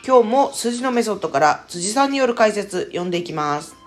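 Lively, chatty woman with a Tokyo accent. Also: medium pitch, a little fast, soft background music. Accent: Edo-style Tokyo dialect. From Tokyo, Japan. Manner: chatty and playful, refers to herself by her nickname. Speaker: spiritual podcast host. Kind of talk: casual solo podcast talk.

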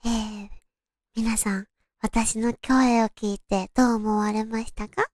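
A young woman with a cute, distinctive anime-like voice hosts a solo audio show, introducing herself politely and warmly in a casual talk. Her voice sits on the high side with a darkish tone and fairly even intonation, and she speaks slowly. The recording is dry and studio quality.

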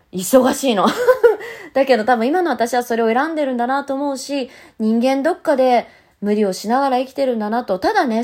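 A woman talking alone on a podcast in a casual monologue, candid and reflective, addressing her listeners directly with many soft fillers. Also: medium pitch. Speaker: podcast host, single mother.

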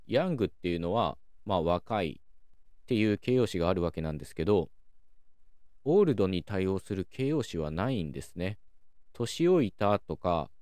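A man hosting a calm solo talk show, explaining things in a measured way with many soft fillers. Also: lowish voice, dry recording, studio quality. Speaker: podcast host.

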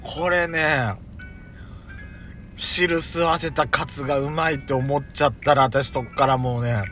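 A man's voice: medium pitch, steady tone, measured pace, a bit bright, soft background music. A man chatting casually about food as a podcast co-host, talkative and emphatic, with feminine-style colloquial phrasing.

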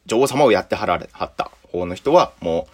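Animated Kansai comic storyteller man. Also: a little fast. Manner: animated, jumps high for emphasis and drops low for asides. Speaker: stand-up comedian.

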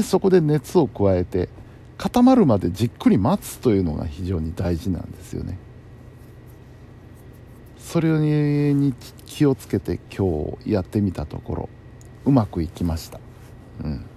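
A man's voice: lowish voice, sing-song, measured pace, gravelly, dark tone. A man chatting casually and alone as the host of a bedtime talk show, musing to himself in a polite, conversational way. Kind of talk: casual solo chat. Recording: faint background noise.

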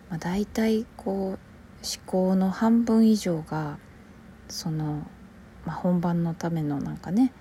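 A woman with a Kansai accent, an actor chatting alone on her own show, relaxed and rambling, often sinking to a soft near-whisper. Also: on the low side, creaky, a little hiss or hum. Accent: Kansai Japanese. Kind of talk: casual solo podcast chat.

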